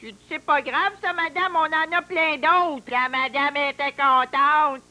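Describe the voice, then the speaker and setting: A woman's voice: sits high, fairly even intonation, unhurried, sharp tone. A woman playing a chatty store cashier telling an anecdote in a parody advert. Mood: blithe.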